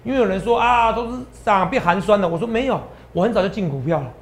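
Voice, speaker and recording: A man with a Taiwanese Mandarin accent hosting a stock-tips show, animated and boastful, lecturing viewers like students. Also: high voice, fast, a little hiss or hum. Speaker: stock market analyst host.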